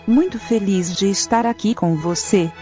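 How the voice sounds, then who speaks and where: A woman voicing a sly, mellow search-engine assistant. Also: mid-range voice, close to an everyday voice. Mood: teasing. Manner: slow, flat, mocking robotic delivery. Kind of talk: radio comedy sketch. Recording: radio broadcast with music bed.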